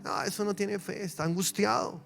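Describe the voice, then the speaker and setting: Male pastor, high voice, animated church sermon, faint music behind. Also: moderate pace, vocal fry. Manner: animated, swings between loud emphasis and soft asides. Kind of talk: lively sermon with acted-out quotes.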